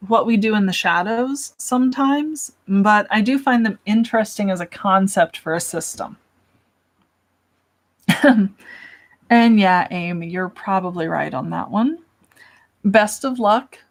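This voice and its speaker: A young woman hosting a casual livestream, chatting and answering questions from chat in a self-deprecating way. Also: mid-range voice.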